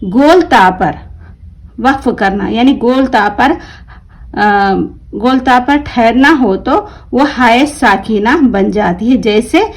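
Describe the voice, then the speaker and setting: A Quran reading teacher explains a lesson, quizzing her class and then answering her own questions. Her voice is fairly high and slow, and she drawls out the example words she reads. The audio is poor.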